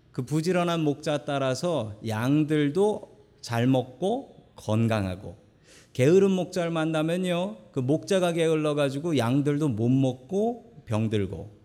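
A man's voice: medium pitch, a little mellow. A male pastor from Seoul preaching a Sunday sermon in a church, earnest and emphatic with folksy asides. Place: church sanctuary.

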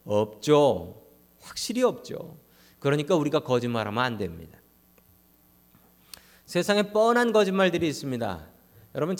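A male pastor delivers a Sunday sermon laced with jokes, his fairly high voice rising and falling in wide swings. He speaks straight to his congregation and acts out the people he quotes in playful voices. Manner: appeals to congregation directly.

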